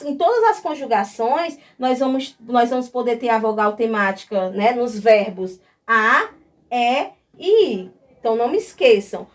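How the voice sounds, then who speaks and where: A woman's voice: a little high, far from the mic. A woman teacher from Brazil explaining a grammar lesson step by step, often checking in with her class.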